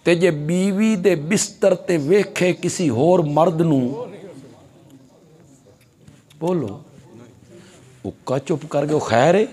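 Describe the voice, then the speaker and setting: Man, sermon, slow-paced, rhetorical questions, loud climbing exhortations. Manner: swings from low asides to loud rising exhortation, rhetorical questions. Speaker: Islamic scholar preaching. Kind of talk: fiery Punjabi sermon. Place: conference gathering.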